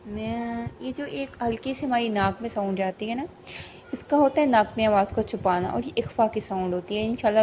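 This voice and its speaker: A woman teaching Quran recitation rules, slowly drawing out each sound to demonstrate, then explaining briskly. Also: mid-range voice, darkish tone. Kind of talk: tajweed lesson. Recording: dull lo-fi recording with faint background noise.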